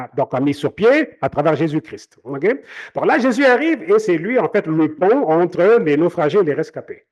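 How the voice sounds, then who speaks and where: Male preacher in his thirties, Canadian French accent, halting sermon delivery, habitual "ok?". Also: on the high side, darkish tone. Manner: repeats "ok?" often, stammers and restarts. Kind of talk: sermon-style teaching.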